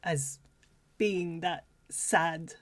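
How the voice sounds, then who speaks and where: A young woman co-hosting a casual chat, speaking reflectively and haltingly. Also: on the low side. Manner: halting, many fillers and restarts, reflective. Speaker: podcast co-host.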